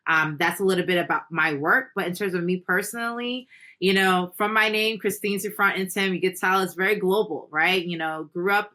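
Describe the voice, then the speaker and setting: A woman raised in the Caribbean speaks as an interview guest, earnest and motivational. Her voice is bright and forceful, pitched a little low for a woman. She fills her talk with "you know" as she builds her points. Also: fairly even intonation, brisk. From Caribbean, Haiti. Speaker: podcast guest, entrepreneur. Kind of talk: conversational interview.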